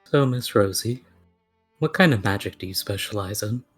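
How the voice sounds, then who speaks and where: A man's voice: fairly low pitch, expressive, moderate pace, slightly rough, soft background music. A man voicing a courteous young adventurer who asks questions politely.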